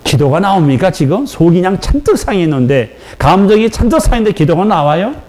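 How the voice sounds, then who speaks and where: A male pastor preaching a sermon in a church, telling an emotional personal story with acted dialogue and rising to near-shouting at its peaks. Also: high-pitched, very animated, fairly quick.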